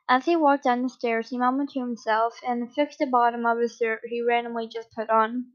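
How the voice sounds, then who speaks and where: Woman casually reading a fan story. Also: on the high side. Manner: casual reading with slips and restarts. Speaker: story reader. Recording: dull lo-fi recording.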